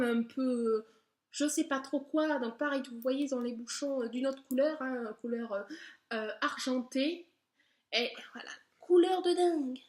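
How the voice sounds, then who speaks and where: A woman's voice: sits high, fairly bright tone, roomy sound. A woman vlogger chatting enthusiastically and gushingly as she shows off a haul of products. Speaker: beauty vlogger. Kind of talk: casual product haul chat.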